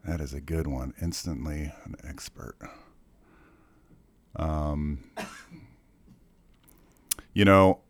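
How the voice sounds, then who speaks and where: A corporate communications leader in his forties, raised in the Netherlands with Dutch as his first language, chats casually as a podcast guest. He speaks thoughtfully and ramblingly, with restarts, in a very deep voice at a very slow pace with long pauses. Slight background noise is audible.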